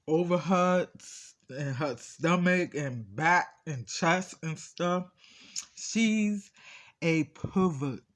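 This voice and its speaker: Man, higher-pitched, eating as he talks with a full mouth; slow, aggrieved, casual storytime delivery. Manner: talking with mouth full while eating, in short halting phrases; aggrieved, insistent, repeating phrases. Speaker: vlogger.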